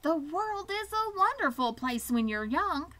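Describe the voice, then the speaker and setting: Woman putting on a chattering high goose. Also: big pitch swings, pushed and bright, heavily acted. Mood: excited. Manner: repeats words, chattering quickly. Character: fast-talking female goose, bossy and excitable.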